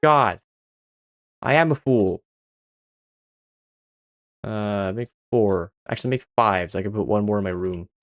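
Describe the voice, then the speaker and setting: A man's voice: fairly low pitch, measured pace, pauses often, fairly bright tone, dry recording. A young man from Sweden, chatting casually and swearing often while streaming a game. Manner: swears a lot and laughs at his own jokes. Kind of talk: casual gaming stream chat.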